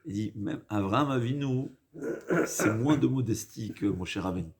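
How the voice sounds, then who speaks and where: A man with a fairly low voice gives an informal religious lecture in French with a foreign accent, as a non-native speaker. He moves haltingly, repeating phrases for emphasis and dropping in Hebrew quotations. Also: a little mellow. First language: not a native French speaker. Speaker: rabbi giving a religious lesson.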